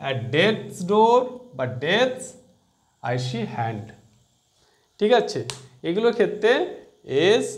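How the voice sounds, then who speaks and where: Male teacher with a high voice, patient and repetitive, checks his students with questions. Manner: explains step by step, repeats key terms and quizzes students. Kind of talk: grammar lesson.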